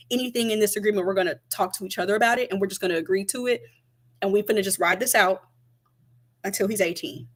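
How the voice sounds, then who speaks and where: A young woman talks casually to her camera. She is chatty and emphatic, driving her points home by repeating them. Her voice sits at a middling pitch. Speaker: vlogger.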